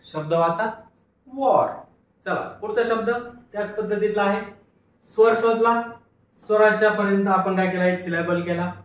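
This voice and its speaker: Picked up by a far-off mic in a very echoey room, a man runs call-and-repeat English phonics drills, sounding out words and repeating them. His voice is fairly high with a steady tone and moderate pace, and he asks questions only to answer them himself.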